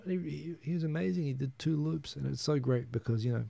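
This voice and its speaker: His voice sits fairly high, gravelly yet mellow, and he speaks quickly with no echo around him. He's a New Zealander in his thirties running a casual solo live stream, chuckling and rambling through viewer comments with frequent restarts.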